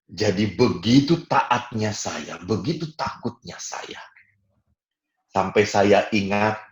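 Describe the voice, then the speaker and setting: Man preaching. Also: on the low side. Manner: storytelling, lively, often acting out quotes. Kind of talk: sermon. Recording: roomy echo.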